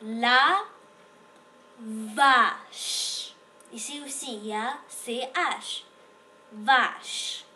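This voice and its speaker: A woman's voice: on the high side, extremely slow, pauses often, pushed and bright, slight background noise. A woman teaching beginners to read, sounding out letters and repeating each word patiently. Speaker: French reading teacher. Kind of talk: slow beginner reading lesson.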